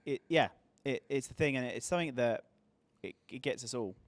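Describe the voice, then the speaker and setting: An English man in his late thirties hosting a podcast in casual, chatty conversation, easygoing and quick to laugh. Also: medium pitch, no room sound. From England. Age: 30s. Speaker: podcast host. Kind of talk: casual chat.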